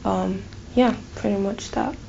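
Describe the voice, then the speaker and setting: A chatty student in her twenties, originally from Burundi, fields interview questions casually in a light Glaswegian Scottish accent, leaning heavily on fillers like um and like. She speaks in a creaky, dark, mid-range voice with fairly even intonation at a measured pace, and the audio is dull with slight hiss or hum.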